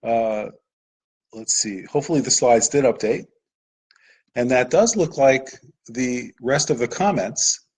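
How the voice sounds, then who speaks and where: A man's voice: mid-range voice, measured pace, pauses often, a little mellow, breathy edge, poor audio. A man presenting a live webinar lesson over slides, explaining patiently with occasional "uh"s.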